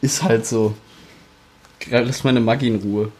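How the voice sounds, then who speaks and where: A man's voice: mid-range voice, steady tone, takes it slowly, a little mellow. A young man co-hosting a podcast, teasing and blunt in casual banter. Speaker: podcast co-host.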